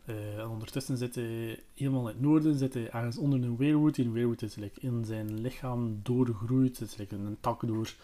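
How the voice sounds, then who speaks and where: A man's voice: mid-range voice, steady tone, brisk, hardly any pauses, warm tone. A man casually retelling a book as a podcast host, hesitant and full of fillers. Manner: hesitant, many fillers, chatty.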